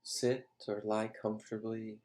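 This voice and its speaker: A guided meditation is led by a man, a teacher, whose voice sits on the low side. He talks calmly, using brief, measured phrases and lengthy pauses.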